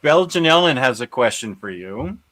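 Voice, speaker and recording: A man's voice: mid-range voice, very animated, moderate pace, fairly bright tone. A man co-hosting a casual chat show, reading out listener comments with playful banter.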